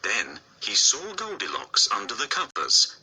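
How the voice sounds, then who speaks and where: A man reading a classic fairy tale aloud for children, in an expressive, sing-song storytelling manner. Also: fairly low pitch, measured pace, slightly rough, poor audio.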